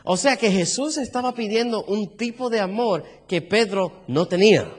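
A man's voice: high-pitched, normal speed, slightly rough. Caribbean-accented male preacher, sermon style, quizzes the congregation, long reverb of a hall. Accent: Caribbean Spanish.

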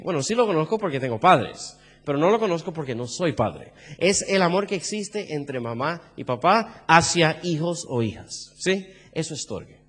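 Caribbean-accented male preacher, sermon style, quizzes the congregation, long reverb of a hall. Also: high voice. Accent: Caribbean Spanish.

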